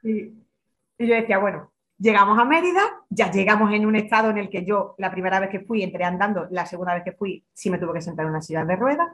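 A woman's voice: mid-range voice, fast, fairly bright tone. A young adult woman from Extremadura, a podcast guest who tells her story in a casual interview and acts out her own past words. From Extremadura, Spain.

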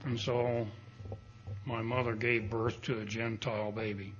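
A male pastor preaching a sermon at a pulpit microphone, speaking in a deliberate, emphatic way and building up to strong declarations. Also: medium pitch, level tone, lo-fi sound, a little hiss or hum. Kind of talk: expository sermon. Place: church sanctuary.

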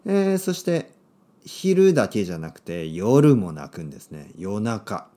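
A man hosting a podcast for Japanese learners, speaking simply with lots of repetition and a playful, expressive delivery. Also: a little slow. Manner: clear, simple phrasing for learners with repeated words; expressive and playful, with sudden pitch jumps. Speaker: podcast host and Japanese teacher.

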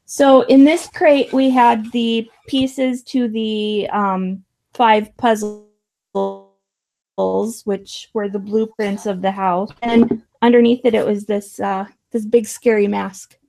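A woman's voice: a little high, fairly even intonation, takes it slowly, mellow. A woman explaining things in casual conversation.

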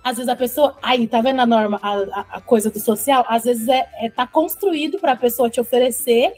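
Woman guest, casual chat. High, slightly husky voice; reflective and explanatory. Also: fairly quick, a little mellow, soft background music. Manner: reflective, explaining social habits. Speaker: podcast guest.

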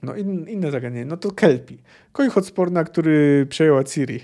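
A man hosts a book discussion podcast, reading passages and musing hesitantly, with frequent fillers. His voice sits slightly high and sounds mellow and relaxed. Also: normal speed. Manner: hesitant, thinking aloud with many fillers. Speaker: podcast host.

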